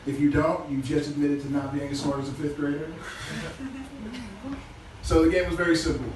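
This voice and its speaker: Male stand-up comic, crude and loose, laughs at his own bits. Low-quality stream audio, distant and noisy. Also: level tone, moderate pace. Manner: casual, crude, chuckles at his own jokes. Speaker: stand-up comedian. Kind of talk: stand-up comedy set. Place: small comedy club stage. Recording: echoey low-quality stream from far off with noise.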